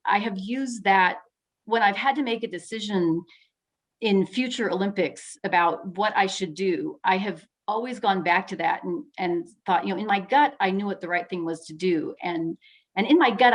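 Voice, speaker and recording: Middle-aged woman psychologist, lively storyteller, video call. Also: medium pitch. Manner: animated, acts out her own thoughts in quotes. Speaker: sports psychologist guest speaker.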